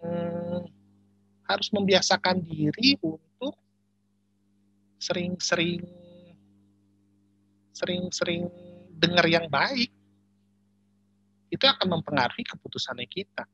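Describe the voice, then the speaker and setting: A church speaker answering questions in an animated, teasing way and joking often. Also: male voice, high voice, takes it slowly, creaky, long pauses, husky, no room sound, muffled recording, faint music behind. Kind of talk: joking discussion talk.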